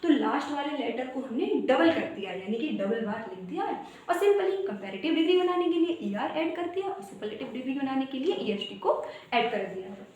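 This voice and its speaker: A woman's voice: high voice, animated, fairly quick, a little mellow, slight background noise. A woman teaching English grammar in an online coaching lesson, explaining step by step and chanting word lists. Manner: explains step by step, addresses viewers as "guys", sing-song word lists. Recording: very echoey room.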